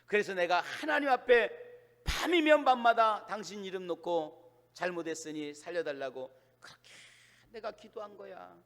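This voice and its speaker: Guy preacher doing a choked-up older pastor w/ chungcheong accent, high voice, big echoey hall. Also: animated, moderate pace, fairly bright tone. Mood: remorseful. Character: tearful remorseful older male pastor recalling the past. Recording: long church hall reverb.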